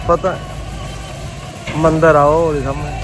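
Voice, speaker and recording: A farmer with a Punjabi accent talks casually for his vlog. The man's voice sits high in pitch. He is outdoors, with loud vehicle engines and heavy ambient noise all around him. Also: flat delivery, unhurried. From Punjab, India. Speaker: farmer and vlogger. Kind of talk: casual vlog narration and chat. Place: outdoors at a grain market.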